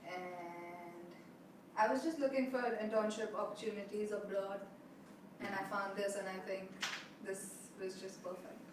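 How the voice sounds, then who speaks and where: A woman introduces herself in an upbeat voice at a mid pitch. She is far from the mic in a strongly echoing room. Steady noise sits behind her. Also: unhurried. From India. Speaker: intern.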